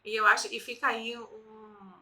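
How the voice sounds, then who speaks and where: A woman's voice: on the high side, level tone, a little slow, bright, forceful tone, rough recording. A woman hosting a casual conversation, a mother who talks reflectively and ends many phrases with tag questions. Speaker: host.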